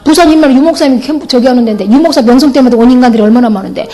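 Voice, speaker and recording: A middle-aged pastor's wife giving a lively testimony sermon, laughing often and mimicking other people's voices. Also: female voice, high voice, racing.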